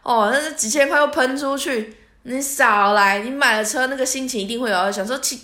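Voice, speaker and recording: A woman's voice: medium pitch, very animated, fairly quick, a bit bright. A woman voicing an insistent, lecturing middle-aged male taxi driver.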